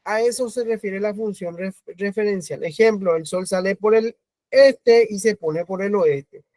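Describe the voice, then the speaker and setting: Paraguayan male teacher, high-pitched, unhurried online lecture with lots of questions to students; dry sound. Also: darkish tone, no room sound. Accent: Paraguayan Spanish. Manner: explains slowly, repeating himself and asking the class questions. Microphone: video call.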